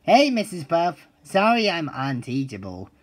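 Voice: mid-range voice, very animated, unhurried. An actor voicing an eager, naive male sea-sponge driving student in an exclamatory, earnest cartoon style. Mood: apologetic, sweet. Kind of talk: cartoon voice acting.

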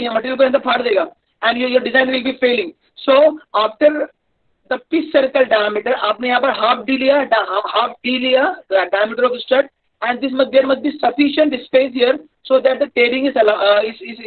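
Fast-talking North Indian man lecturing, lo-fi. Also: very high-pitched. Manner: hesitant, repetitive, explanatory. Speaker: engineering lecturer. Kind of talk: live online lecture. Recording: dull lo-fi online-class audio.

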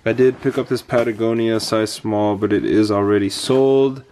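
A young man in a casual thrift vlog, talking in relaxed slang about clothes he found. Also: fairly low pitch, moderate pace. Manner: laid-back slangy chatter. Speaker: thrift vlogger.

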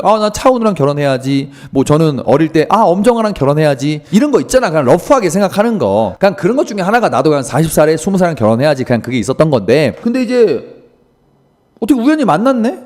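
A male comedian telling a crude, animated comedic monologue. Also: high voice. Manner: animated, crude, rapid storytelling.

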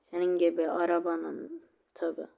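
Male gamer commentator, slow drawling delivery with a dark tone, chatty, irritable about lag, keeps repeating a sing-song catchphrase. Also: a little high, completely flat delivery, vocal fry. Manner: chatty, easily annoyed, swears at lag. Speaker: gaming video creator. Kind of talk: casual gameplay commentary.

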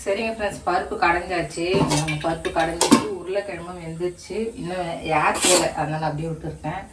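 A woman's voice: fairly low pitch, fairly even intonation, a little fast. A woman hosting a casual home cooking vlog, chatting to her viewers as friends. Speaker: cooking vlogger. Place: home kitchen. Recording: kitchen sizzle and frying noise behind.

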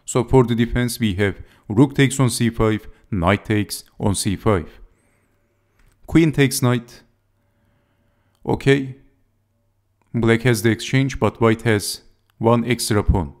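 A man's voice: medium pitch, slow, pauses often, darkish tone. A man giving scripted chess game commentary as narrator, speaking in short, clipped move-by-move phrases.

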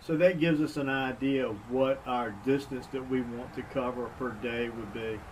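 A middle-aged man with a relaxed, folksy way of talking, chatting outdoors on a front porch. His voice sits in the middle of the range for a man. It is picked up by a camera mic a few feet away, with a faint outdoor ambience underneath. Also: medium pitch, normal speed, recorded from a distance, slight background noise, poor audio. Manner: relaxed, folksy, plain-spoken. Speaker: bushcraft channel host. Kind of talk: casual sit-down vlog chat.

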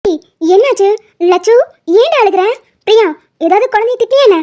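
Stern cartoon granny, high voice, scolding, voiced by a woman. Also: normal speed, mellow, highs cut off. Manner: scolding, demanding. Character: stern grandmother, scolding her grown son.

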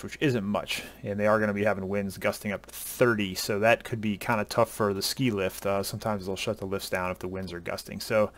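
A man's voice: fairly low pitch, dry recording. Easygoing man with a headset. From Southern US. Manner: relaxed, rambling with many uhs and ums. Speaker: ski vlogger. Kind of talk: casual chat to camera. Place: home room at a desk.

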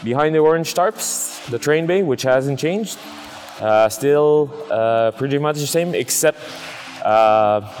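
A man's voice: medium pitch, a little mellow. Guy in his 30s walking you through a big building site, lots of uhs, some faint music underneath. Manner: halting, many fillers and restarts. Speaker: museum facilities director giving a site tour. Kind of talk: walking guided tour. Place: large indoor construction site.

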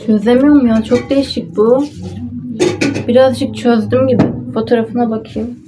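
A woman's voice: fairly high pitch, fairly even intonation, moderate pace, background noise. A woman vlogging at home, talking to herself as she works on a papercraft project, muttering and sighing in exasperation. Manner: muttering and self-talk, exasperated sighs. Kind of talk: casual talking to herself while crafting.

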